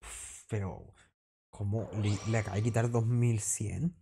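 A man's voice: lowish voice, steady tone, a little slow, vocal fry, dark tone, a little hiss or hum. A man giving casual commentary while playing a video game, chatting to himself as he plays. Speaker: gaming channel host.

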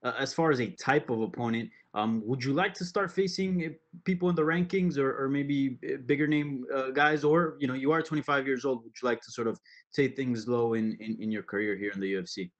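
A man's voice: mid-range voice, fairly quick, highs cut off. A man asking casual interview questions as a sports reporter, feeling his way through his phrasing.

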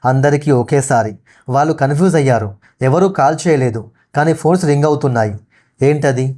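Male storyteller, scripted horror narration, steady and measured, fairly high voice.

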